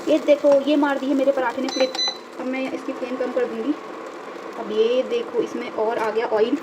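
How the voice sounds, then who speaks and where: A young woman from India chatting casually to her viewers while she cooks at home, joking about herself and coaxing her cat. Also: background noise. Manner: chatty, self-mocking, talks to her cat in a high coaxing voice. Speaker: vlogger. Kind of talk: casual home vlog chat. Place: home kitchen.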